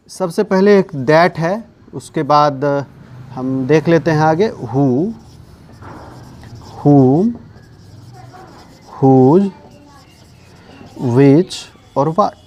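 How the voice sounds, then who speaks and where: A man teaches English grammar in an unhurried classroom lesson. His voice sits a little high, and he speaks slowly. He repeats key terms and answers his own questions as he goes. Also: darkish tone. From India.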